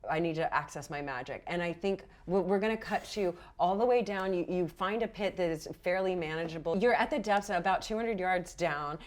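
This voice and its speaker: A woman with a lowish voice runs a roleplaying game as its game master, narrating briskly with few pauses. Her tone is casual, encouraging, improvised and conversational.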